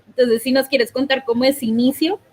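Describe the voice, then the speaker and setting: A woman's voice: high-pitched, fairly even intonation, normal speed. A woman hosting a casual interview on a video call, asking long, winding questions full of fillers.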